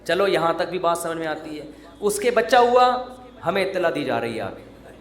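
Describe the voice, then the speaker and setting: A man's voice: on the high side, lively intonation, a little hiss or hum. A male Islamic preacher giving a sermon in a joking, teasing, conversational way. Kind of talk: humorous sermon. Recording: roomy echo.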